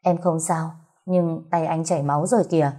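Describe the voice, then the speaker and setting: Woman voicing a soft pleading young heroine. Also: low-pitched, fairly even intonation, moderate pace. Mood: gentle. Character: gentle young woman, the female lead, pleading.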